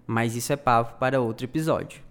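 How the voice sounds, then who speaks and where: A man narrating a history podcast from a script, clear and didactic, addressing the listener directly. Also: medium pitch, quick pace.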